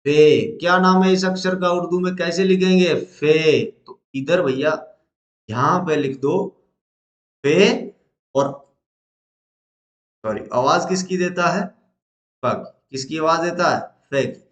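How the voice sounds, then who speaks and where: A man's voice: fairly high pitch, slow, pauses often, reverberant. A male teacher, leading a lesson at the board, asking questions and answering them himself.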